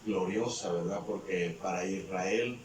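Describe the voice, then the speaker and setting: A man's voice: deep voice, a little slow, distant mic, a crowd in the background. A male pastor preaching a sermon as a story, often checking in with "¿verdad?". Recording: very echoey room, voice from afar, faint noise.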